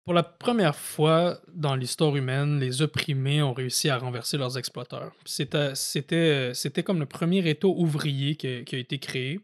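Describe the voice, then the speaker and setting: Man, Québécois accent, slightly high voice, casual podcast explainer, thinks aloud with fillers. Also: normal speed, few pauses. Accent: Québécois French. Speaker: podcast co-host. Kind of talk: casual political history discussion. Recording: audio-only podcast.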